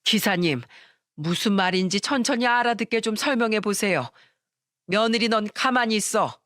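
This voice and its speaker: A woman voicing an older mother-in-law with an unhurried, homely way of talking in a radio story. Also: medium pitch, fairly bright tone, no echo, studio quality, lightly acted. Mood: firm. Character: older mother-in-law, easygoing then firm.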